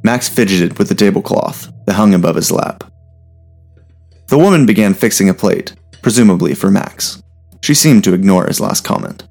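A man narrating a story in a steady, measured reading voice. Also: low-pitched, gravelly, soft background music.

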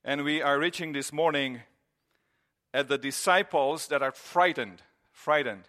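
Guy in his 40s giving a sermon, pretty high voice, talks earnest and chatty. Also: unhurried, bright, forceful tone. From Romania. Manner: earnest, conversational preaching with repeated phrases. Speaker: pastor.

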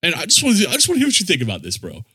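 Male music podcast host, animated pitch, casual and sweary bro slang, dry close recording. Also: very fast, husky, no echo. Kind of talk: casual chat.

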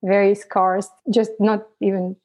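Middle-aged woman from Romania, mellow-toned interview guest with frequent restarts. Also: medium pitch, little pitch movement, a little slow, lo-fi sound. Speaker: physician guest. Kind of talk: casual interview talk.

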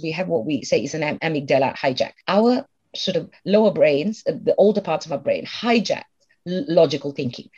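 A middle-aged woman calmly explaining advice step by step, mixing in stories from her own life. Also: low voice, husky, highs cut off. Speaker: guest expert on emotional intelligence. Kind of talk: conversational advice in an interview.

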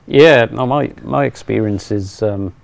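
A man's voice: fairly low pitch, measured pace, vocal fry. A middle-aged man in a casual conversation, speaking hesitantly with many restarts. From South Wales. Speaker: chief engineer and interviewer.

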